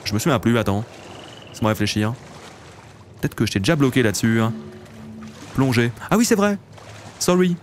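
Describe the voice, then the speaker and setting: A man's voice: mid-range voice, animated, brisk, long pauses. Guy in his late 20s doing a let's play, chatty commentary, faint hiss in the background. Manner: chatty, talks to viewers while playing. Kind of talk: casual gameplay commentary.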